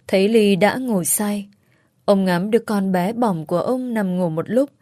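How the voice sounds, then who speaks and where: A woman narrates a dramatic story in a steady, measured storytelling voice of middle pitch. The recording is close and dry, with no room sound. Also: no echo.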